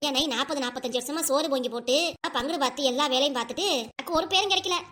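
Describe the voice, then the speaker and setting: A woman's voice: sits high, pushed and bright. A woman voicing a tearful scolding grandmother over sixty. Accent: southern Tamil Nadu dialect. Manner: rapid, reproachful scolding. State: crying. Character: upset old grandmother, wife over sixty. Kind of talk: cartoon voice acting.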